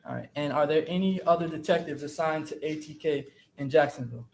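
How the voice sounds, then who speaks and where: A man, a defense attorney, quickly questioning a witness from a courtroom podium with halting restarts, heard in a courtroom recording. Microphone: courtroom podium microphone. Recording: echoey courtroom, faint rumble.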